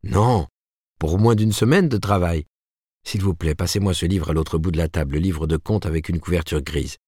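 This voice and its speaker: A man reading aloud, voicing an eager young male writer who talks with animated enthusiasm. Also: extremely low pitch, brisk, breathy edge, no echo, clean studio sound. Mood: excited.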